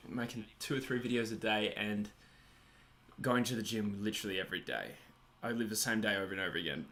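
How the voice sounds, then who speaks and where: A man's voice: fairly low pitch, fast, a bit bright. A man in his twenties with an Australian accent, hosting a casual livestream and chatting as he reads out viewer messages. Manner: chatty, rambling, self-deprecating. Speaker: livestream host reading chat. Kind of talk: casual live chat over a cricket match.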